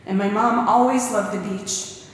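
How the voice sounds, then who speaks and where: A woman's voice: mid-range voice, steady tone, measured pace, slight background noise. A woman giving a testimony talk in church, telling stories and quoting scripture. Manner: warm storytelling with scripture quotes. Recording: echoey hall recorded from far off.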